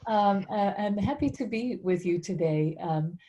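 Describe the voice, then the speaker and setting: Over a video call, a head of strategic accounts with a Dutch accent presents a business webinar, politely and often expressing her gratitude. Her voice is medium in pitch and a little slow, and the recording is muffled with background noise.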